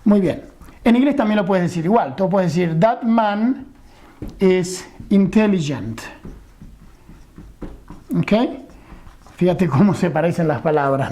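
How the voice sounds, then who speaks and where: A man's voice: sits high, warm tone. A middle-aged man teaching an English grammar lesson, explaining patiently and often checking understanding.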